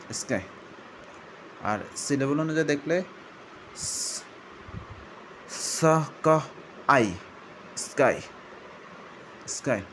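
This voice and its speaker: A man's voice: medium pitch, a bit bright, a little hiss or hum. A man teaching a primary school English lesson, spelling words out letter by letter and sounding out their phonics. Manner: slow, spells letters out one by one.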